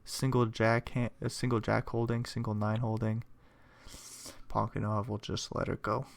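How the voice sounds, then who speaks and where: A young man giving relaxed, chatty play-by-play commentary on a poker final table, thinking aloud with playful asides, while fighting off hiccups and yawns. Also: fairly low pitch, normal speed, vocal fry, no echo. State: hiccuping and yawning.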